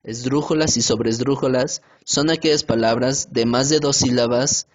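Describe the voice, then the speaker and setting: A man reading a grammar lesson aloud in a slow, careful way, with some hesitations. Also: mid-range voice, fairly even intonation. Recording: dull lo-fi home recording.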